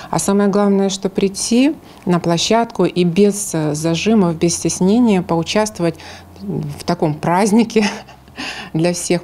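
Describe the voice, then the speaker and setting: A middle-aged woman giving an interview answer in halting, hesitant phrases. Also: lowish voice, dark tone. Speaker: library department head, interviewee. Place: library room with bookshelves. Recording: slight background room noise.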